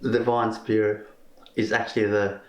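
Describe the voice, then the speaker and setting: A man from Vietnam who answers interview questions haltingly, searching for his words. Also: lowish voice, flat delivery. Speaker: crystal healer being interviewed. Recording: roomy echo.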